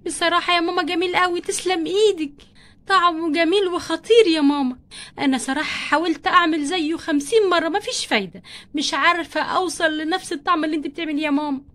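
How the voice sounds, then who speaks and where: A woman's voice: very high voice, steady tone, fast, a bit bright. A woman with an Egyptian accent voicing an anxious young mother who frets over her missing baby in a doll play story. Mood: polite. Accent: Egyptian Arabic. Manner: worried, pleading.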